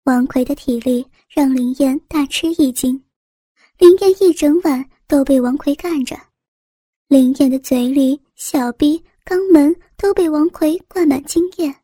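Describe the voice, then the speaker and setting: A woman reading a story aloud in an even, steady narrating voice. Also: sits high, a little slow, no echo, clean studio sound.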